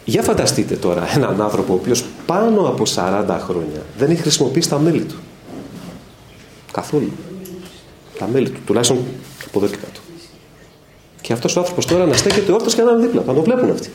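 A middle-aged man leads a Bible study sermon, and his pitch rises and falls as he tells stories and asks his listeners questions. His voice carries a roomy echo, with a faint hum of ambience behind it. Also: big pitch swings, pauses often, darkish tone. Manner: storytelling, quoting dialogue, questioning listeners. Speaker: evangelical preacher. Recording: echoey room with faint ambience.

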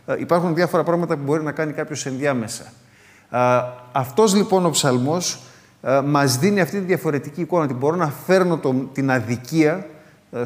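A man preaching a sermon in an earnest manner, acting out the prayers he quotes. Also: fairly high pitch. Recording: long hall reverb.

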